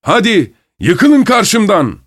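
A man voicing a drunk, brash masked man who bullies and mocks everyone, in a hoarse, booming voice. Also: animated, unhurried, no room sound, clean studio sound. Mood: bullying. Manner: loud, taunting, jeering.

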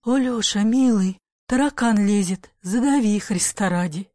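A woman voicing a stern old grandmother who pleads in a hush and shouts firm orders, in a dry storybook reading. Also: mid-range voice, measured pace, no room sound, natural voice. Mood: hushed pleading. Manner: whispering pleas, then firm shouted commands. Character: old grandmother, fearless yet afraid of cockroaches.

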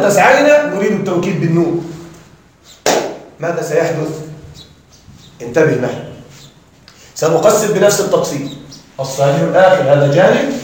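A man teaching Arabic grammar to a class, often checking that students follow and repeating examples slowly. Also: sits high. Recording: very echoey room, mic far off.

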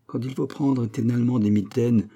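A man's voice: mid-range voice, fairly even intonation, a little fast, dark tone, natural voice. A man voicing a sly, mocking stranger near fifty in a read-aloud novel. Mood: wry. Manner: mocking, wry.

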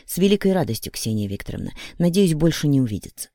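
A bitter young man who speaks in cold, cutting mockery, as a man reads him in an audiobook. The voice is dark and mellow, recorded close and dry. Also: a little high, very animated, fast talker, dry recording. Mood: scornful. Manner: sneering, cruel mockery. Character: bitter, contemptuous young man betrayed by his lover.

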